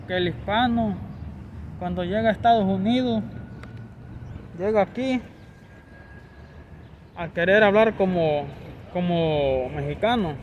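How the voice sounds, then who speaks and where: A young man from Honduras speaks with a Honduran Spanish accent and a high voice. He lectures his viewers insistently, circling back to the same points again and again. Faint street and car noise hums behind him outdoors. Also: lo-fi sound. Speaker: vlogger. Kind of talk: opinion rant to camera.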